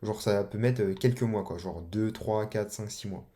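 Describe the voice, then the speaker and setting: A young man explains things in a loose, slangy way, full of fillers and restarts. His voice sits fairly low and sounds dark and mellow. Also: moderate pace. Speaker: online course instructor. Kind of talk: casual explanatory tutorial.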